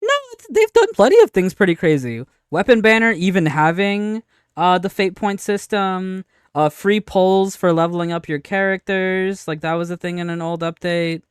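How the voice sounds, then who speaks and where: A man streaming casual live commentary, arguing his points in an insistent, halting way with frequent repetition. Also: sits high, lively intonation, clean tone, no echo, clean studio sound. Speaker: streamer reacting to a video and answering chat. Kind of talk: casual live commentary, debating game updates.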